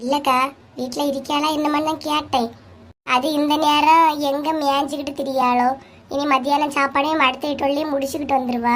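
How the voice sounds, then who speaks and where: Cartoon comedy: woman playing squeaky, nagging village neighbor women, Kanyakumari Tamil accent, scolding banter. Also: little pitch movement, brisk, natural voice. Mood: bickering. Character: bickering, sharp-tongued village women neighbors.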